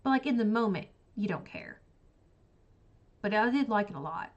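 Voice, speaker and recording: Sniffly and congested with a cold, this book channel host rambles through a casual livestream chat about books, her talk packed with likes and ums. She speaks at a medium pitch and normal speed, sounding animated. The recording has its highs cut off.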